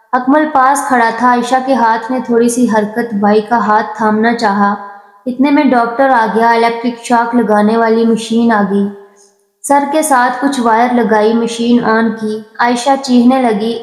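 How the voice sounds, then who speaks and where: A woman narrating a sad moral story in a dramatic, emotional, mournful way. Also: a little high. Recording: roomy with long reverb.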